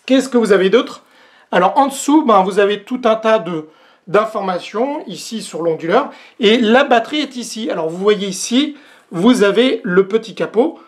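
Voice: mid-range voice, animated, moderate pace. A casual unboxing host speaks straight to the viewer from a room at home, explaining each part of a device. The talk is loose and chatty, full of hesitant fillers and small restarts. The host mocks their own English accent in passing. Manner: self-mocking about own English accent. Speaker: host reviewing a product.

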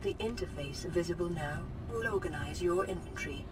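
A performer voicing a calm synthetic survival computer assistant, formal and measured, in scripted game prompts. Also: medium pitch, natural voice. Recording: game audio under clear music.

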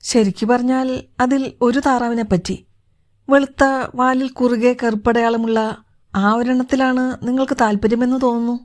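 Brief: woman narrator doing a calm, confident male detective, measured delivery, fairly high voice. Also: close to an everyday voice. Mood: composed.

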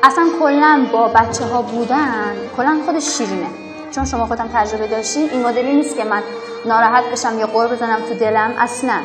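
A woman's voice: fairly high pitch, steady tone. A young woman from Afghanistan, a schoolteacher, talking earnestly and reflectively in a documentary interview. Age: young adult. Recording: roomy echo with violin music over it.

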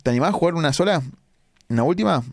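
A man's voice: on the high side, expressive, no echo. Chatty Argentine man live-streaming. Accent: Rioplatense Argentine Spanish. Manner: chatty, reads chat comments aloud, quick asides. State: tired late at night. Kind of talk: casual live-stream commentary reading chat.

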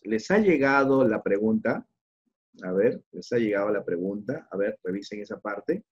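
A man's voice: lowish voice, darkish tone, lo-fi sound. A man running a live online training for teachers, walking through each click aloud and often checking in with the attendees.

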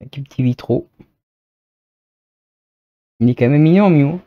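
Chatty man unboxing, dull lo-fi sound. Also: mid-range voice. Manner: chatty, thinks aloud, reads product text slowly. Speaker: unboxing video host. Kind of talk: casual unboxing commentary.

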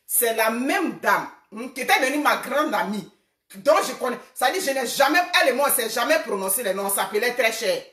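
A woman in her forties talks in a loose, conversational way, with a fairly high voice. She keeps retelling what people said to her. The sound is roomy and echoey, and she sits some way back from the microphone. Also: expressive, a little fast, fairly bright tone, distant mic. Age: 40s. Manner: conversational, retelling quoted exchanges. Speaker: social media personality. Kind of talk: casual personal address to a rival.

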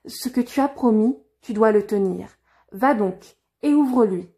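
A woman reading the lines of a kindly but firm old king, a father, in a fairy tale, in a gentle, measured way. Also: on the high side. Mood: stern. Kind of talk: storybook reading.

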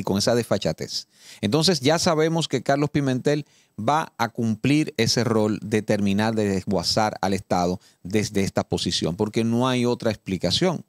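A man's voice: fairly low pitch, dry recording. A man with a Dominican accent giving emphatic, indignant political commentary on a studio talk show. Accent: Dominican Spanish. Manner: indignant, emphatic, reads law text slowly and deliberately. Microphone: studio mic.

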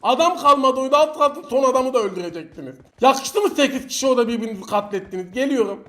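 High-voiced excitable Turkish gamer man. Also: fast talker. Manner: excitable, taunting opponents, shouting bursts. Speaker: mobile game streamer. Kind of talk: live gameplay commentary.

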